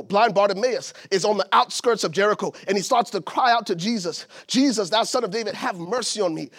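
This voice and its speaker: A preacher from Liberia delivers a sermon with a high voice. He builds his points with rising emphasis and at times shouts them out to the congregation. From Liberia, West Africa. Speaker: pastor.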